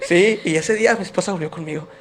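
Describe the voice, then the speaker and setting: A man's voice: high voice, fast talker, a little hiss or hum. A man giving his personal faith testimony as a podcast guest, telling his story in an earnest, emotional way.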